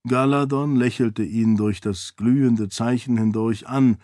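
A man narrates a novel in a measured, even reading voice of middle pitch. He is recorded close on a studio mic in a dead, dry room with no reverb. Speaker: audiobook narrator. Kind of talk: scripted narration.

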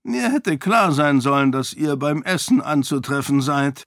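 A man's voice: a little high, expressive, unhurried, no echo, studio quality. A man voicing a genial, witty elderly duke in an audiobook, in a raised, lighter, courtly voice. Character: elderly genial male duke, dry wit. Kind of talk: audiobook character voice.

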